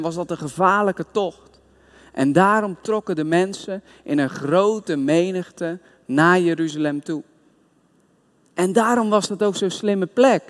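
A man's voice: sits high, in a large hall. A man preaching a sermon, retelling a scripture story with emphatic storytelling.

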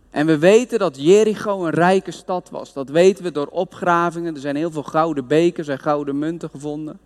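Male preacher telling a bible story, emphatic, higher voice, big echoey hall. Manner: emphatic storytelling, retelling scripture scenes. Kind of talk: sermon.

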